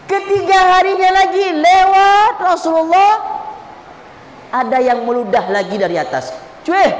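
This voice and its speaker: A woman giving a humorous sermon in a mosque, telling stories with lively acted-out voices. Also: sits high, slight background noise. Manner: lively storytelling, acts out quoted voices. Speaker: preacher. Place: mosque hall. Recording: echoey hall with faint ambience.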